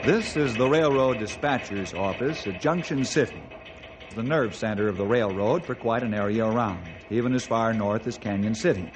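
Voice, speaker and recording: A man's voice: on the low side, normal speed, natural voice. A man playing a friendly forest ranger who narrates an old-time radio drama for children. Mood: explanatory. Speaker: host and narrator.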